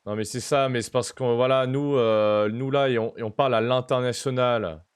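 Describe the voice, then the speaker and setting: A man's voice: mid-range voice, steady tone, normal speed, smooth. A man with a French accent chatting casually on a game stream, playfully mixing in English. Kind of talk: casual gaming stream chat.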